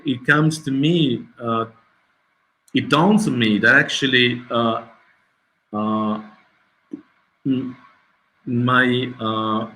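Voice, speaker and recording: A middle-aged Italian documentary filmmaker answers festival questions over a video call, and the recording quality is low. His mid-range voice sounds pushed and bright, and he pauses often, hunts for English words, and restarts many times.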